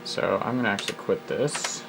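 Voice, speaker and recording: A man's voice: on the low side, fairly quick, vocal fry, noisy background. A man hosting a retro computer video, thinking aloud as he works through an old program, with wry little asides. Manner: muses aloud while reading prompts, wry asides. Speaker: retro computer hobbyist host. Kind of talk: casual think-aloud software walkthrough.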